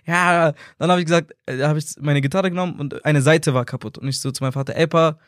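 Young German man in his twenties, rapid storyteller, acts out quotes, dry sound. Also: fairly high pitch, no room sound. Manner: animated anecdotes, acts out quotes, laughs often. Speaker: content creator and singer, guest. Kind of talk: casual conversational storytelling.

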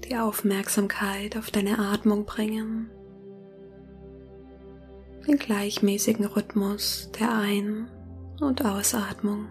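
A woman guides a meditation in a soft, breathy near-whisper, slowly and calmly with long pauses. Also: medium pitch, soft background music. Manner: slow, calming, long pauses between phrases. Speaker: meditation guide and podcast host.

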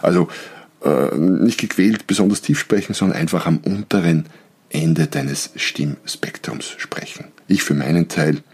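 A man hosting an instructional podcast, explaining persuasion and switching between higher, faster talk and lower, slower talk to demonstrate. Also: darkish tone. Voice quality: very deep, gravelly voice. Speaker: podcast host and business coach.

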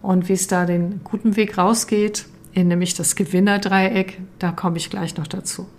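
A woman giving a calm, earnest coaching talk, addressing listeners directly with a few hesitation sounds. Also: medium pitch, normal speed, slight background noise. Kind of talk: explanatory talk to camera.

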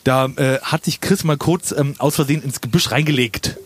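A man's voice: a little high, normal speed, husky, dry recording. A man telling an anecdote in a casual podcast chat, hesitant with many fillers. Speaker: storyteller guest.

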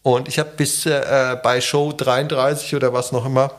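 A man's voice: mid-range voice, moderate pace. A man from Germany, a guest musician telling stories in a casual interview. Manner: animated storytelling.

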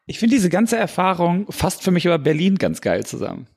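Gravelly, lively-voiced joking man. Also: sits high, brisk. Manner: joking, playful interjections. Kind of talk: casual chat.

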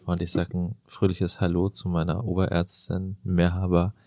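A man's voice: deep voice, completely flat delivery, moderate pace, dark tone, no room sound, studio quality. A man hosting a casual podcast interview, chatty and joking, telling anecdotes with gusto. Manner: jokey, chatty storyteller. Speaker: podcast host and plastic surgeon.

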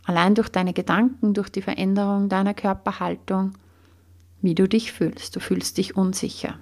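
A woman coach, leading a guided body-posture exercise with slow, calm questions. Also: medium pitch.

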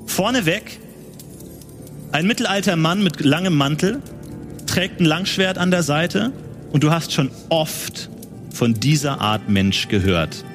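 A man narrating a tabletop role-playing game as game master, in a lively way. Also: fairly high pitch, a little slow, long pauses, soft background music.

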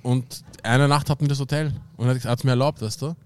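A man's voice: medium pitch, steady tone, quick pace, a little mellow, smooth, no room sound. A young man with an Austrian German accent, rambling through an anecdote in casual slang with lots of fillers. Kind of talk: casual chat.

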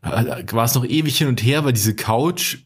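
A man's voice: medium pitch, moderate pace, husky. A man co-hosting a casual podcast, telling rambling personal anecdotes full of restarts and asides. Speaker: podcast co-host. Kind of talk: casual chat.

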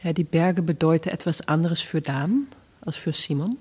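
A woman's voice: sits low, darkish tone, slightly rough. A woman author, a native Dutch speaker from the Netherlands, answering thoughtfully and reading from her own novel. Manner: slow, thoughtful, searching for words. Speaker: author, guest.

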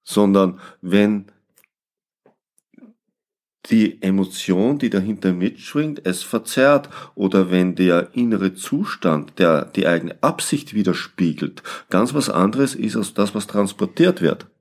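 A man's voice: deep voice, animated, slow, darkish tone. A man co-hosting a podcast, explaining his ideas thoughtfully and often repeating words as he searches for phrasing. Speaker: podcast co-host. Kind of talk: conversational podcast discussion.

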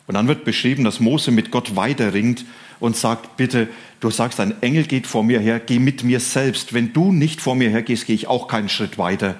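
Earnest male preacher giving a sermon. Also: medium pitch. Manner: earnest, stresses key phrases by rising and slowing; reads scripture passages aloud.

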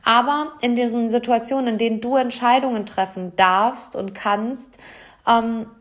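A woman's voice: fairly high pitch, normal speed. A woman hosting a solo motivational podcast, talking earnestly and directly to the listener with a bubbly, encouraging manner. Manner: lively and bubbly, by her own words. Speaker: podcast host.

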